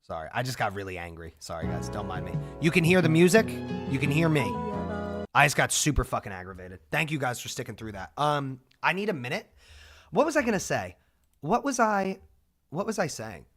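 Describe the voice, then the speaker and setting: A man's voice: mid-range voice, very animated, fairly quick, a bit bright, faint music behind. A young man chatting casually on a livestream, restless and jokey, swearing when frustrated. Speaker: streamer.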